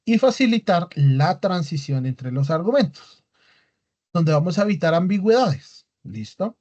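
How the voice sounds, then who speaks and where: A man's voice: high-pitched, expressive, a little slow, darkish tone. A man teaching an online class on writing, explaining step by step and checking in with his students with constant tag questions. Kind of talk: recorded online class lecture. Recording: dull lo-fi class recording.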